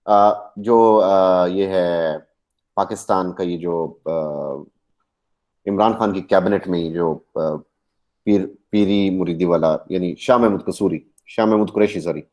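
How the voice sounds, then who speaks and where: A middle-aged Pakistani man giving an online lecture, animated, often slowing down to act out stressed example sentences. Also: fairly low pitch. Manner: animated, demonstrates stress and intonation in slow drawn-out example sentences. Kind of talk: online lecture mixing Urdu and English.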